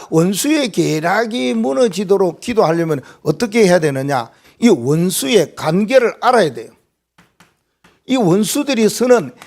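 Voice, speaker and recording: A male pastor with a Gyeongsang accent preaching a sermon, animated and asking the congregation frequent rhetorical questions. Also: sits high, gravelly.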